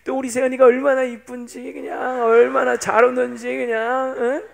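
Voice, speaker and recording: A man's voice: extremely high pitch, flat delivery, moderate pace, creaky. A man in his fifties, a pastor preaching a sermon in a chatty, playful way, teasing the congregation. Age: 50s.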